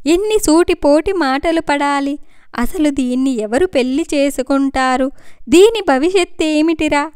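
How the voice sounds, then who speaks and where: A worried, tearful middle-aged mother, read by a woman storyteller, pleading as she talks. Her voice sits high. The sound is dry and close. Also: darkish tone, no echo. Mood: anxious. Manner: emotional, pleading.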